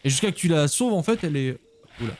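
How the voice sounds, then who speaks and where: Joueur au ton très animé. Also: male voice, a little high, lively intonation, fast talker, a little hiss or hum. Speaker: video game streamer. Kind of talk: casual gameplay commentary.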